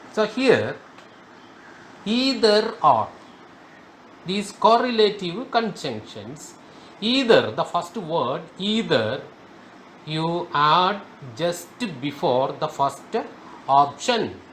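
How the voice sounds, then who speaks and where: Slow, high-voiced man teaching grammar. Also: big pitch swings, a bit bright, slight background noise. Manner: slow, emphatic, repeats key words. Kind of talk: spoken grammar lesson.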